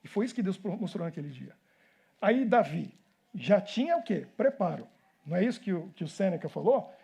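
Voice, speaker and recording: A man's voice: sits high, sing-song, a little fast, vocal fry, dark tone, breathy edge. A male pastor with a Brazilian Portuguese accent, preaching a sermon and acting out the characters' lines as he tells the story.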